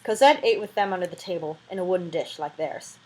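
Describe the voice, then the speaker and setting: A woman reads a classic novel aloud as an amateur audiobook narrator, dramatic and emphatic with an informal touch. Her voice is on the low side, she talks fast, and the recording quality is low.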